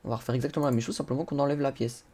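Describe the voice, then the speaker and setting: A man's voice: mid-range voice, steady tone, racing, darkish tone. A man giving casual game tutorial commentary, talking straight to his viewers and laughing and swearing at his own mishaps. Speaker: gaming YouTuber.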